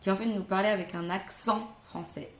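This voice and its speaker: A woman's voice: mid-range voice, fairly even intonation, fairly quick. A woman hosting a casual podcast interview, chatty and thinking aloud with many fillers. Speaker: podcast host. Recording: roomy room sound.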